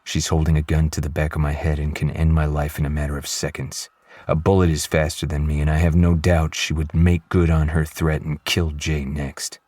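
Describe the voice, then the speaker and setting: A man narrating a first-person audiobook with low, restrained menace. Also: flat delivery, moderate pace, darkish tone, dry recording.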